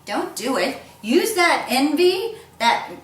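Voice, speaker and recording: A woman's voice: high-pitched, very animated, slow pace. A woman hosting a casual recipe demonstration, rambling playfully to viewers with theatrical exclamations. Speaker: cooking show host. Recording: echoey room, distant mic, background noise.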